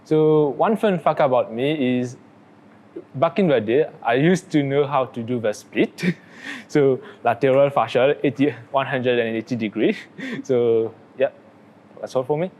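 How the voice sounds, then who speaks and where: A man's voice: medium pitch, lively intonation, unhurried, a little mellow, rough recording. Friendly twenty-year-old man from Mauritius. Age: 20s. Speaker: student guest. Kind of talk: casual podcast chat.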